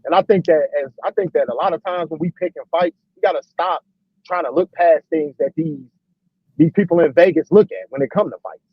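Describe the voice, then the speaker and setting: A man's voice: fairly high pitch, animated, a little fast, slightly rough, dry recording. Man on a breaking-up call line. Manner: rambling, repeats fillers. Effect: breaking-up online call audio. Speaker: panelist calling in. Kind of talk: casual sports debate. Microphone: remote call mic. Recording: muffled, dry call line.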